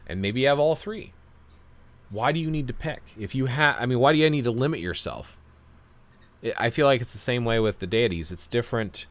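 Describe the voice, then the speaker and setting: A man's voice: medium pitch, expressive, fairly quick. A man hosting a casual livestream, reading out viewer comments and giving long, rambling, self-deprecating opinions. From United States.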